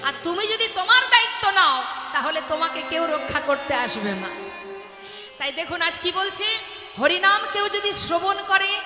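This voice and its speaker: A woman's voice: extremely high pitch, animated, normal speed. A woman with a Bengali accent, a kirtan singer who chants and then preaches earnestly to a gathering. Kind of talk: devotional chanting and sermon. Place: devotional gathering hall. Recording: echoey hall with music behind.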